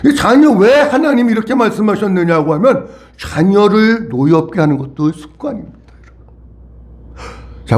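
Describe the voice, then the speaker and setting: A man's voice: high-pitched, darkish tone. A male pastor preaching a sermon, leading the congregation in call-and-response.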